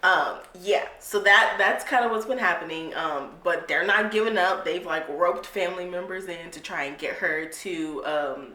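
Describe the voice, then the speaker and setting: A woman's voice: on the low side, moderate pace, hardly any pauses, bright, forceful tone. A young woman, chatting casually as a beauty vlogger and giggling easily. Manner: chatty, giggly, drawls slang. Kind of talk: casual chat. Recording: echoey room with faint noise.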